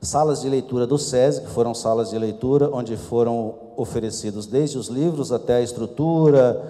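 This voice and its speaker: At a conference panel, a middle-aged man presents slides informally, dropping self-deprecating asides as he walks through them. His voice is medium-pitched, moderately paced and dark, carrying a long hall reverb in the conference hall.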